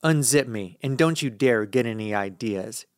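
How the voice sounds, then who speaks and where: A man's voice: a little high, expressive, normal speed, a bit bright, no echo, clean studio sound. A man voicing an irritable, slightly drunk wife who barks curt orders with a slurred edge. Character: irritable tipsy wife, middle-aged woman.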